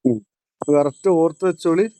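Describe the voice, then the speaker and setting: A male teacher, lecturing in a classroom, quizzing his students and repeating each point, slowing down on key terms. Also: a little high, dark tone, no room sound.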